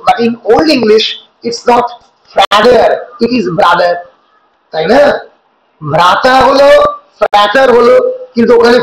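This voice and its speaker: Man, Bengali accent, high-pitched, lecturing, echoey room. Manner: explains step by step, asks students rhetorical questions. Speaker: college teacher. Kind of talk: lecture in Bengali mixed with English.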